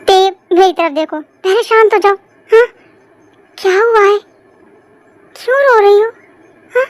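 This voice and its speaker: A woman's voice: very high-pitched, unhurried, dry recording. Woman doing an exasperated young man scolding. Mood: worried. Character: hot-tempered young man, the protective friend. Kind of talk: fan audio story voice acting.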